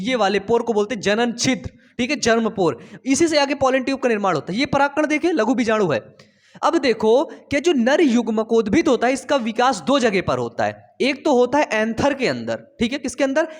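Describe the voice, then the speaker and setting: Chatty, high-voiced male biology teacher. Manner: chatty, coaxing, repeats key terms and asks rhetorical questions. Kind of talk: Hindi classroom-style lesson.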